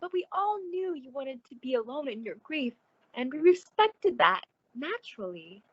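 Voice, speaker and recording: In an old-time radio suspense drama, an actress plays a sociable, solicitous woman who gushes, stretching out her emphasis effusively. Her voice is high and sing-song, and the audio is dull with no room sound.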